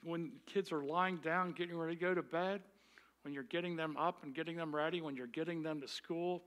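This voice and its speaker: A man's voice: on the high side, steady tone, fairly bright tone. A middle-aged male pastor giving a sermon on parenting, often restarting and repeating words. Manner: halting, repeats words while speaking.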